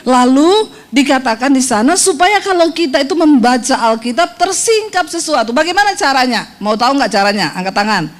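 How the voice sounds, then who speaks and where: A woman's voice: high-pitched, animated. A middle-aged woman pastor preaching a sermon, teasing the congregation and acting out quoted voices. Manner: humorous, teasing the congregation with quick asides; acts out quoted voices in dialogue.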